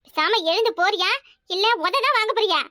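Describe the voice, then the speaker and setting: A woman's voice: pushed and bright, no echo, clean studio sound. A woman voicing a harsh, worn-out village mother in a cartoon, with a Kanyakumari Tamil accent and a scolding, threatening way of talking. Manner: shrill scolding, threatening, rapid-fire. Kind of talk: cartoon voice acting.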